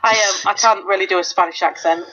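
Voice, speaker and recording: A woman's voice: mid-range voice, fairly even intonation, quick pace, bright, forceful tone. Chatty, playful woman. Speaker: co-commentator guest. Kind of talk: casual gameplay chat. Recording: dull lo-fi recording.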